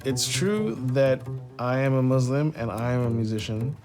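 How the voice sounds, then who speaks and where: A man's voice: medium pitch, moderate pace, loud music behind the voice. A man, a jazz musician speaking thoughtfully in a documentary interview, often hedging with "sort of" and "like". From born in Singapore, raised in New Zealand.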